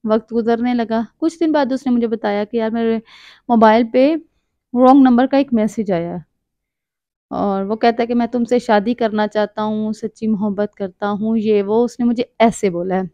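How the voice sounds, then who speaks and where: A woman's voice: a little high, warm tone, no room sound. A young woman from Pakistani Punjab telling a personal story in an earnest, reflective and advising way. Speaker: storyteller and author. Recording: dull, dry lo-fi recording.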